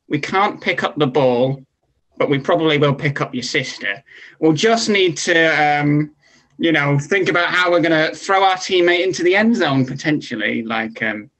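A man voicing a cheeky manager of a team of little greenskins, dropping deadpan innuendo. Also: a little high. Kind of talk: comedic voice acting.

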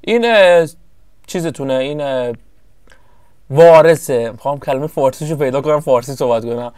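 A man giving casual, rambling commentary over his own strategy game session, often pausing to search for the right word. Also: medium pitch, a little mellow, clear, resonant tone, no room sound, clean studio sound. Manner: chatty, rambling, searches for words. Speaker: gameplay commentator.

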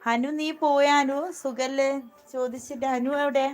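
A woman's voice: high voice, level tone, unhurried. A woman hosting a casual live stream from home, chatting with viewers by name and asking how they are while she minds her children. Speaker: live-stream host and mother. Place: noisy home room, with children and a TV nearby. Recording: roomy, noisy home phone recording.

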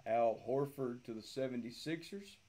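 A man's voice: medium pitch, normal speed, warm tone. Man calling out cards in a break. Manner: reads out player names, joking asides. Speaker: card break host. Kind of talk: live card-opening commentary.

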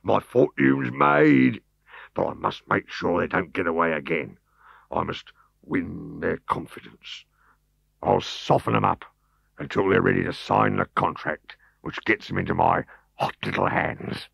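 A man reading a storybook, voicing a greedy, scheming middle-aged Roman boss in a raised, oily, drawn-out voice. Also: sits low, vocal fry, a bit bright, husky, no room sound, full character voice. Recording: dull, dry recording.

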